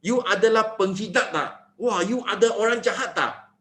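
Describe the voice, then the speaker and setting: A man voicing a proud, hot-tempered army general who questions a boy loudly. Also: high-pitched, moderate pace. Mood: angry. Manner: loud, demanding.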